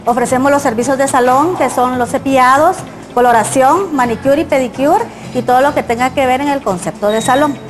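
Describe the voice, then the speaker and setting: High-voiced woman explaining her salon. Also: fairly quick. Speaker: salon representative. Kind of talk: interview answers. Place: indoor salon.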